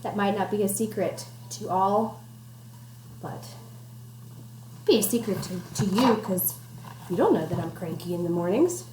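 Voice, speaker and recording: A woman with an animated, mid-range voice reads a picture book to young children, pausing often at an unhurried pace while playfully encouraging them and posing simple questions. The recording comes from a computer microphone and carries a roomy echo plus noticeable background noise.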